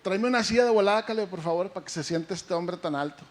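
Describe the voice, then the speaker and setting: A male pastor preaching a lively sermon, asking the congregation questions and acting out the story. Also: high-pitched, quick pace.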